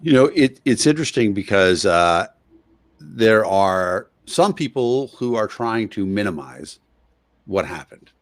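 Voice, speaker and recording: A man hosting an interview over a video call, conversational, pausing often with hesitations. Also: fairly low pitch, lively intonation, dry recording. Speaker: guest host.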